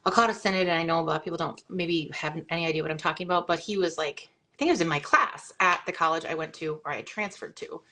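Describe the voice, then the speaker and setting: A woman's voice: sits low, fast talker, hardly any pauses, sharp tone. A middle-aged woman hosting a live video chat, talking casually and rambling with lots of fillers and restarts. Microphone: video call.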